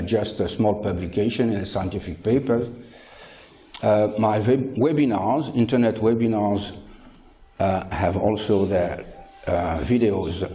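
An older man delivers a conference keynote into a handheld mic. His voice sits on the low side and sounds mellow and dark. He speaks in measured phrases, pausing often with a hesitant "uh" and stating plain opinions. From France. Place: lecture hall.

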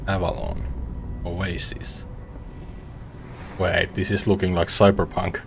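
A young man from Finland casually talking over a game he is playing for the first time, chatty and relaxed with small restarts, on a headset mic at home. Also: sits low, slow, vocal fry, a little hiss or hum. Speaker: gaming streamer. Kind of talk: casual let's-play commentary.

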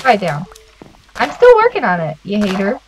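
Giggly woman with a lively voice. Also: medium pitch, moderate pace, noisy background. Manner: giggly and bubbly. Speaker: guest gamer. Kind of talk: casual gaming chat.

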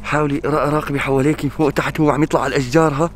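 A man's voice: fairly high pitch, fairly even intonation, rapid-fire, soft background music. A man with a Levantine Arabic accent hosting an adventure vlog, calling out urgently and muttering prayers. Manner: frantic, urgent calling out and praying under his breath. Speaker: adventure vlogger. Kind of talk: staged adventure vlog narration.

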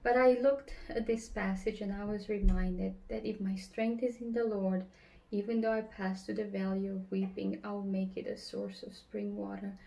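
A woman in her thirties from Romania, telling her personal faith story in an earnest, slightly halting way, seated at a table at home. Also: medium pitch, creaky, mellow, low-quality recording. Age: 30s. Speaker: church member giving testimony. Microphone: camera across the table.

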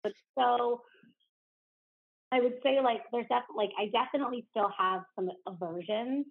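Talking casually as an interview guest on a podcast, a woman from New Jersey chatters on with plenty of "like." Her voice is a little high and gravelly at a normal speed, heard through a tinny phone-like line.

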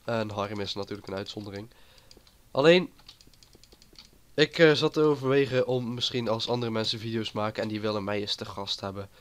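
A man's voice: on the low side, brisk. A man with a cold, rambling casually as he comments on his own gameplay. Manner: rambling and chatty. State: has a cold. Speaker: gaming YouTuber.

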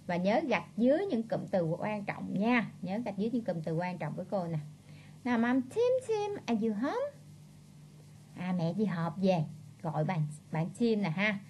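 A woman's voice: mid-range voice, darkish tone, a little hiss or hum. Southern Vietnamese woman teaching vocabulary. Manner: drills words by slow repetition, coaxing chatty tag words. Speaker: English teacher. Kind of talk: classroom vocabulary lesson.

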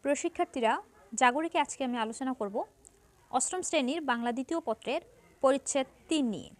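A woman's voice: sits high, fairly quick. A woman teaching a grammar lesson to students, patiently explaining each point and repeating it.

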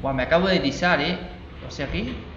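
A young man commenting on his game, excitable and jokey, swearing and taunting the monsters. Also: a little high, fairly quick, reverberant, dull audio, a little hiss or hum. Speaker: gaming channel host. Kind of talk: let's play commentary.

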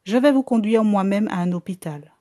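A woman's voice: medium pitch, moderate pace, dark tone, no room sound, studio quality, lightly acted. A woman reading the part of a very fat, kindly man who speaks heartily and proudly, in an audiobook. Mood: encouraging.

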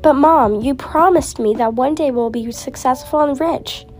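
A woman's voice: sits high, normal speed, darkish tone, faint music behind, lightly acted. A girl voicing a sulky young daughter who complains to her mother, in a toy-game role-play. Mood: whiny. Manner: whiny, complaining.

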